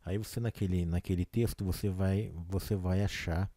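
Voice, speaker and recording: A Brazilian man teaching a casual lesson, explaining slowly and often checking in with the listener. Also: low voice, steady tone, mellow, dry recording. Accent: Brazilian Portuguese. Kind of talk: casual classroom lesson video.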